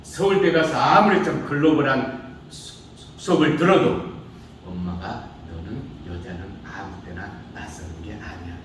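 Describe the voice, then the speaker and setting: Speaking at medium pitch and a measured pace, a middle-aged speech instructor chats informally with his class, teasing students via rhetorical questions as he lectures. There's slight background noise, and the echoey room is recorded from a distance.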